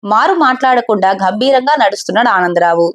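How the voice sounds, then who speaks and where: A woman storyteller narrating a scripted family story at a steady pace. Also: medium pitch, fast talker.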